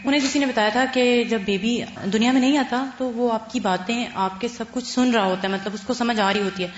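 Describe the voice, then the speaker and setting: A woman's voice: fairly high pitch, steady tone. A woman student telling the class a story earnestly. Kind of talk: sharing in class discussion. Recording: roomy, dull lo-fi classroom recording.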